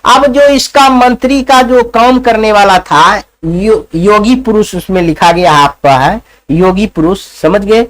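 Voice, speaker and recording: Male teacher with a Bihari Hindi accent, high-pitched and slow, telling a class a story with playful chuckles. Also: fairly bright tone, low-quality recording. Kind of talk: storytelling lesson for school students.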